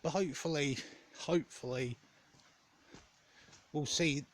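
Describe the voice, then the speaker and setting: A man giving a casual, rambling vlog update in a hesitant, halting way, often correcting himself. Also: a little high. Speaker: gaming content creator.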